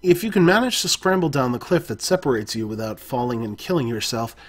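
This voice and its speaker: Narrating a second-person interactive adventure, a man speaks a little quickly in a husky mid-range voice with big pitch swings, occasionally breaking off to fix his own mistakes.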